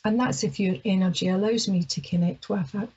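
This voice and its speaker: On her psychic radio show, this middle-aged Ayrshire woman speaks briskly in a mid-range, darkish voice with a breathy edge. She chats nervously and hesitantly in a relaxed talk-radio style, using lots of fillers, and the audio sounds dull.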